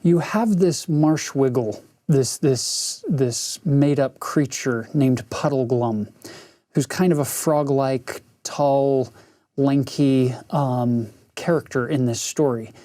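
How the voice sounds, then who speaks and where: A man teaching a lesson, explaining a story with halting restarts before reading from it. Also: mid-range voice, warm tone, no room sound, clean studio sound. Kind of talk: scripture-class lesson, reading aloud.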